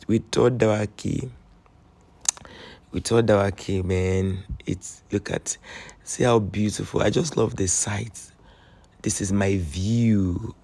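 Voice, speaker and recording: A Nigerian man narrates his travel vlog in a voice that is hoarse and strained. His tone sits low, with a gravelly fry running through his words. He talks in an earnest, chatty way and pleads openly with his viewers. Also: a little mellow. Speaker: travel vlogger.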